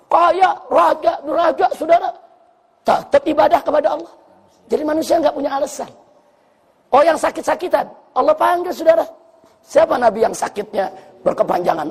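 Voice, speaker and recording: A man's voice: extremely high pitch, vocal fry, in a large hall. A man preaching a sermon, often asking the audience questions and acting out the voices of people who complain.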